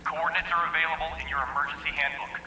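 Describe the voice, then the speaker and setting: A man voicing a military emergency announcer, heard over a PA loudspeaker, reciting in a formal, clipped official manner. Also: fairly high pitch, flat delivery, fast. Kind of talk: recorded game announcement. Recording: echoey, noisy loudspeaker from afar.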